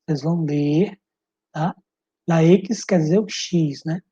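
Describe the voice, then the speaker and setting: A man with a Brazilian Portuguese accent teaching a Spanish lesson over slides, slow and methodical, spelling out letters and repeating words. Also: a little high, dark tone, breathy edge. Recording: muffled lo-fi recording.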